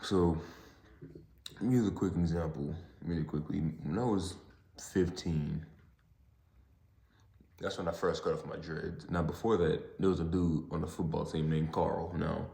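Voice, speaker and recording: A young man talking casually and haltingly on his own as a podcast host, recorded in a parking garage. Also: extremely low pitch, steady tone, creaky, dark tone. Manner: halting, repeats and rephrases himself. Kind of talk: casual solo monologue. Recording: echoey garage.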